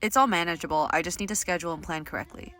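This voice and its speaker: A woman with a somewhat low voice reads her diary entries aloud. She sounds candid and plain-spoken, like someone talking frankly to herself. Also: very fast, a bit bright. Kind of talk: reading personal journal entries aloud.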